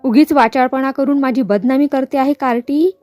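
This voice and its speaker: A woman's voice: high-pitched, normal speed, a little mellow, dry recording, soft background music, lightly acted. Woman doing a blustering miserly shopkeeper. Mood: scolding. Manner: blustering, scolding, then fawning. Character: irritable, miserly middle-aged male shopkeeper.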